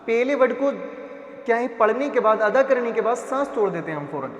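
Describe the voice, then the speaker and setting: A man with a high-pitched voice leads a patient reading lesson, drawing out each letter sound as he demonstrates it. He stops often to check that his students follow. His voice rings through a roomy space with a long echo. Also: expressive. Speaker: teacher. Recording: echoey room with long reverb.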